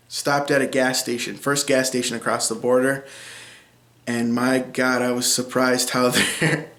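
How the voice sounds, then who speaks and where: Young minnesota guy talking linguistics, rambly with lots of ums, roomy echo, middle pitch. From central Minnesota. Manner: chatty, frequent ums, laughs at own remarks. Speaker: linguistics video host. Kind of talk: casual educational talk. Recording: echoey room.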